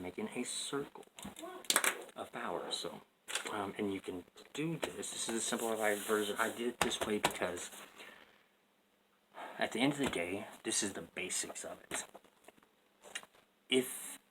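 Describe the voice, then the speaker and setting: Low-voiced guy rambling thru a diy wiring job, jokey, lots of noise behind. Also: moderate pace, long pauses. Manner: rambling, self-mocking, jokey. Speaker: DIY video maker. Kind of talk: casual DIY tutorial. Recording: noisy home workshop recording.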